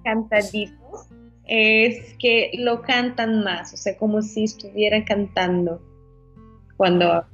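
A woman chatting casually about Spanish accents, lively and playful, laughing often. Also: mid-range voice, slow, slightly rough, muffled recording, soft background music.

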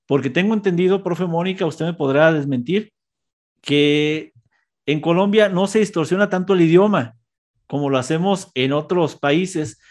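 A man hosts a live stream in an easy, chatty way. He greets viewers by name and reads out their comments. His voice sits on the higher side for a man. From Mexico. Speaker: teacher at a school. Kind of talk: casual live-stream chat.

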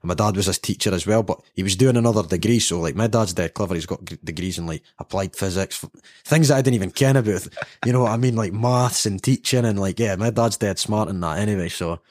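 A man's voice: on the low side, fast, darkish tone, dry recording, studio quality. A man in his thirties with a Dundee Scottish accent, chatting casually as a podcast guest, rambling with lots of fillers and frequent laughs. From Ethiopia. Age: 30s. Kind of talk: casual chat.

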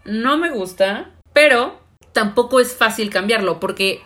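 A woman's voice: fairly high pitch, expressive, unhurried, fairly bright tone. Young woman asking questions. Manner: questioning, searching for words with many fillers. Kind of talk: casual chat.

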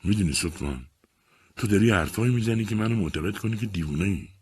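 A man's voice: fairly low pitch, expressive, breathy edge, voice pushed up. A man voicing a persistent army captain who acts as a defense lawyer, speaking firmly, insistently and patiently.

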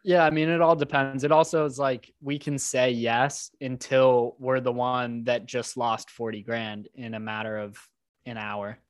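A young adult man appears as a podcast guest, chatting easily and casually while hedging his points with lots of "like." His mid-range voice is smooth and unhurried with little pitch movement, recorded in studio quality with no echo.

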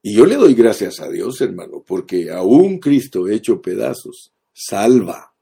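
A man's voice: fairly low pitch, sing-song, unhurried, vocal fry, dark tone, breathy edge. A man from Guatemala, preaching a sermon earnestly, repeating phrases for emphasis and speaking straight to the listener.

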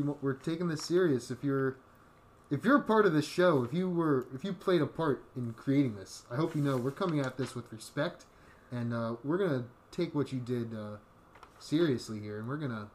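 A man's voice: medium pitch, a little mellow, slight background noise. A man co-hosting a casual podcast, making dry jokes and then turning earnest. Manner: dry, joking, earnest at times. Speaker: podcast co-host. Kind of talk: casual chat.

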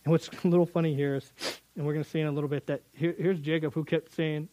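A man's voice: fairly high pitch, fairly even intonation, quick pace, warm tone, dry recording. A man teaching through a Bible passage in earnest, often repeating words as he builds emphasis.

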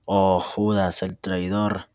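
A man's voice: sits low, flat delivery, takes it slowly, a little mellow, no room sound, studio quality. A young man reading aloud as an outraged female housekeeper who exclaims in indignation. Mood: indignant. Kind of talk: amateur reading of a novel.

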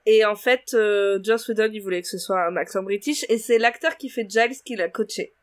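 A woman's voice: medium pitch, normal speed. A young woman chatting with friends, enthusiastic and gushing, eager to share trivia. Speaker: podcast co-host. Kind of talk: casual chat.

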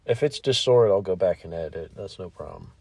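A man's voice: sits low, a little fast, creaky, darkish tone, slightly rough, dry recording. A man hosting a podcast, chatting casually and rambling, with offhand swearing. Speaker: podcast host.

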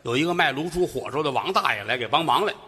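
A man tells a crosstalk comedy story in a husky, bright voice. His pitch swings widely as he slips into the voices of the people in his story. The sound rings with the long reverb of a hall. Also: quick pace. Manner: animated storytelling, jumping between characters' voices. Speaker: crosstalk comedian, lead teller. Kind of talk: Beijing crosstalk performance.

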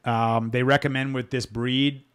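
A man's voice: medium pitch, level tone, measured pace, a bit bright, clean tone. A man hosting a live dog-training Q&A podcast, talking frankly in a rambling, self-interrupting way. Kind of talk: casual live Q&A chat.

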